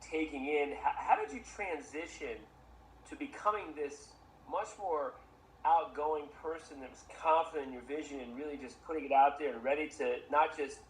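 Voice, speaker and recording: A man hosts a podcast interviewing a former student of his, encouraging him and asking long, winding questions in a casual way. His voice is on the high side at a normal speed. The room is echoey, with faint background noise.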